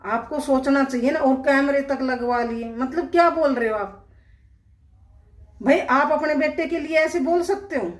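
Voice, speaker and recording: A woman's voice: sits high, a little slow, reverberant. A woman vlogger giving indignant casual commentary, talking straight to her viewers with rhetorical questions. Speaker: vlogger commenting on a family dispute.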